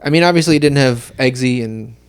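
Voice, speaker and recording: A man's voice: medium pitch, fairly quick, clean tone. A man co-hosting a podcast, bluntly grumbling about movies in casual chat. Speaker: podcast co-host.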